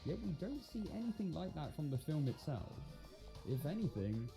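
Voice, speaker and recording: A man gives a scripted film review. He sounds sarcastic and incredulous, with lively pitch movement, and music plays clearly behind him. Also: moderate pace. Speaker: video commentator and film critic.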